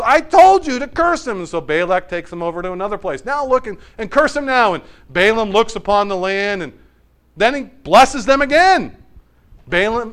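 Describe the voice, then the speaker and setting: A man preaching a sermon, retelling a story and acting out the characters' lines, swinging between loud and quiet. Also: high-pitched, smooth.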